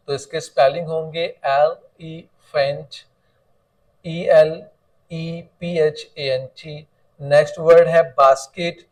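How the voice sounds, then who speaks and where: A male teacher leads an online lesson. His voice sits a little high. He reads the deliberately slowly, then switches to quick explanations. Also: darkish tone, low-quality recording. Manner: reads each English line slowly, then explains it quickly in Hindi-Urdu. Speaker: English teacher.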